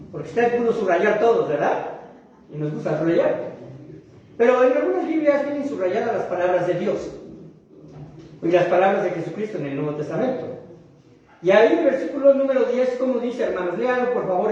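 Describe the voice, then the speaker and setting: A man with a Mexican accent preaching a sermon to his congregation, drawing out key words slowly and checking in with them often. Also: high-pitched, expressive, darkish tone, slight background noise. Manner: addresses the congregation, often tags "¿verdad?"; slow, emphatic phrasing of key words. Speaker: pastor. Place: church sanctuary. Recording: very echoey hall, mic at a distance, dull sound.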